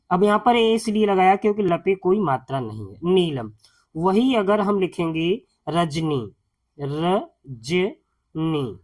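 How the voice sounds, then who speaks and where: A man teaching as a tutor in a slow classroom-style lesson, patiently repeating each sound and spelling step by step. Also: high-pitched.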